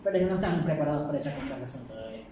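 A man's voice: a little high, expressive, racing. A man hosting a podcast, asking easygoing questions in casual chat. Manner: asks easygoing, prompting questions. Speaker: podcast host. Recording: roomy echo, distant mic, noisy.

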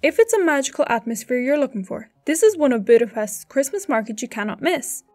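A woman's voice: high voice, very animated, brisk, darkish tone, no echo, faint music behind. A woman host reading a polished, upbeat scripted travel narration as a voice-over.

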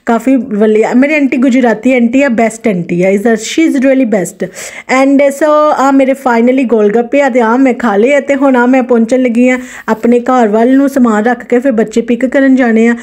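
A woman's voice: a little high, moderate pace, a little mellow. A woman in her thirties with a Punjabi accent, narrating a casual daily vlog in a chatty, informal, exclamatory way. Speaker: vlogger.

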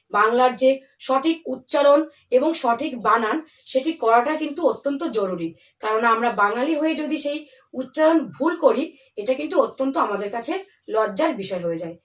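A woman teaching young children the consonants, reciting letters and rhymes slowly and carefully in a drawn-out sing-song. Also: high-pitched, far from the mic. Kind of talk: children's alphabet lesson.

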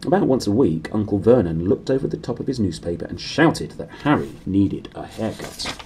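A British man in his thirties reading a storybook aloud briskly and expressively to a camera in a small room. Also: fairly low pitch, darkish tone, slight background noise, low-quality recording. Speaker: reader. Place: small decorated room indoors.

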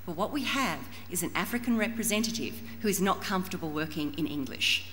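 A woman with an Australian accent presenting to a conference panel in formal, deliberate and articulate phrasing. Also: fairly low pitch, expressive, a bit bright. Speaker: panel presenter introducing and restating a colleague's talk. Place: large conference room. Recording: echoey hall with background noise.

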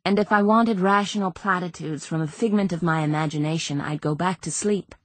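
A sardonic young woman, worn down by injury, trades dry, cutting remarks, as a woman narrator reads her. The voice sits low and husky in a dry, close space. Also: a little fast, no room sound, close to an everyday voice. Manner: dry, sarcastic.

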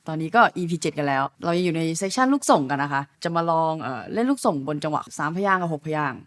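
A woman's voice: low voice, animated, quick pace. A young woman in her twenties explaining drum fills step by step, polite and patient, counting beats aloud. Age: young adult. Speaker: drum teacher. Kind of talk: relaxed video lesson.

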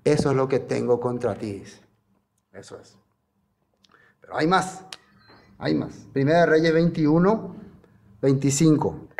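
Pastor guy, kinda high voice, telling the bible story lively, lots of questions to the room. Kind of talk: sermon.

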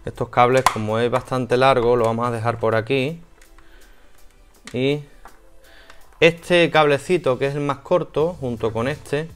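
In a small home office, a thirties-aged man with an accent from Spain casually reviews a product hands-on, unboxing and installing it with some hesitation. He speaks at a measured pace with frequent pauses, his medium-pitched voice steady and smooth over faint music.

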